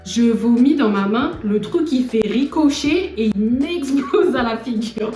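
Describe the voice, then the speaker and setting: Animated young woman telling a story. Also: on the high side, a little slow. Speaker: vlogger. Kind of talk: storytelling vlog. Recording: echoey room from far off, faint music.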